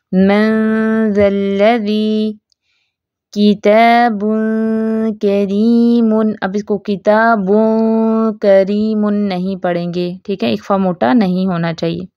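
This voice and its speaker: A woman teaching Quran recitation in a recorded audio lesson, explaining patiently and reciting examples slowly. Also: medium pitch, a little mellow, no echo, lo-fi sound.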